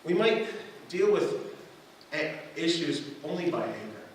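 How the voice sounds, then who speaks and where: Pastor preaching in an echoey hall. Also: male voice, a little high, big pitch swings, a little slow. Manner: conversational, self-deprecating, repeats words when restarting. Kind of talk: sermon. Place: church sanctuary. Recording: echoey room, distant mic, faint hiss.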